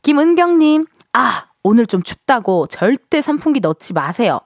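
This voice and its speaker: A woman radio DJ chatting casually and playfully in a studio, expressive and self-teasing as she hosts. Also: fairly high pitch, normal speed, no echo. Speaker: radio DJ, show host. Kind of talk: casual chatty radio hosting, reading listener messages.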